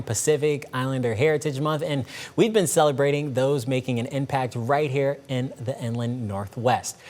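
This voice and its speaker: Male anchor, mid-pitch, formal scripted read, long reverb on the voice. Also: darkish tone. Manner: measured, formal delivery. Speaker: news anchor. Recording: reverberant studio sound.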